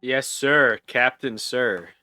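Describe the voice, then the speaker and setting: A man's voice: medium pitch, slow pace, bright, forceful tone, no echo, soft background music. A man hosting a podcast, chatting casually with short, playful reactions while gaming. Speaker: podcast host.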